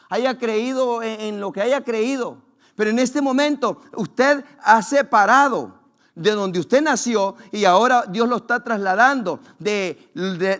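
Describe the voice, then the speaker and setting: A man preaching in with a noticeably high voice. He builds his sermon on rhetorical questions and bursts of fervor, acting out the scripture he quotes. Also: fairly bright tone. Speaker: pastor.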